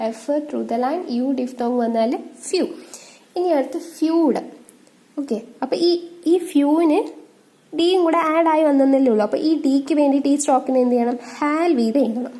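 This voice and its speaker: Her voice sits high and sounds mellow as she teaches shorthand in an explanatory lesson. Slowly reading out rules, she poses questions and supplies the answers herself.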